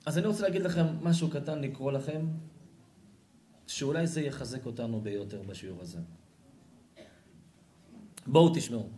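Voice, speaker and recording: A man, a rabbi, giving a Torah lesson as an animated storyteller in a lecture hall. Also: medium pitch, pauses often, slight background noise. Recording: echoey room.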